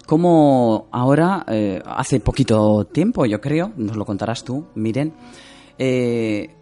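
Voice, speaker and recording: Man, interviewer, encouraging, mid-pitched, faint music behind. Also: animated, slow pace, mellow. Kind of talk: interview conversation.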